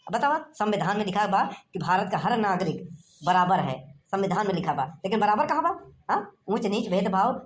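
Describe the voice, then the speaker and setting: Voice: mid-range voice, a little hiss or hum, lightly acted. A voice actor playing an angry Awadhi brother. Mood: indignant. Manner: loud, threatening, rough village talk. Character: hot-headed young man defending his sister. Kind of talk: cartoon comedy voice acting.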